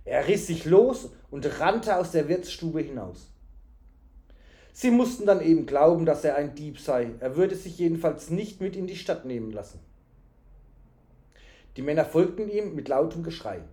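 A man reading a children's adventure book aloud to a child, calm, with explaining asides. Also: a little high, normal speed. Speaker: reader reading a story to a child.

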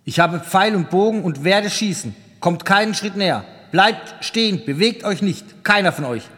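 Loud urgent guy bluffing riders, a male storyteller doing him, slow, with a long echo tail. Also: high-pitched, sing-song, full character voice. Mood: loud threatening. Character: hidden man bluffing armed riders, urgent and tense.

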